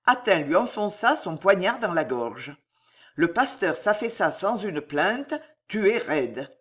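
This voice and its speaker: An audiobook reader narrating a dramatic historical novel in a slow, expressive storytelling manner. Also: mid-range voice.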